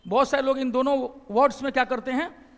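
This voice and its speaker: A man's voice: extremely high pitch, fairly even intonation, fast, a bit bright, long reverb tail. A man from Bihar with a Bihari Hindi accent, teaching a classroom lecture. He explains step by step, repeats phrases and keeps asking his class questions.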